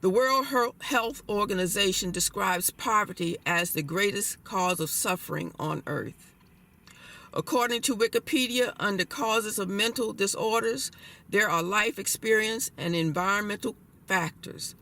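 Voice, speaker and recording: A man reading a scripted personal commentary aloud in a deliberate, formal manner. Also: high-pitched, pushed and bright. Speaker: commentator giving a personal perspective. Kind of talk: scripted spoken essay, read aloud.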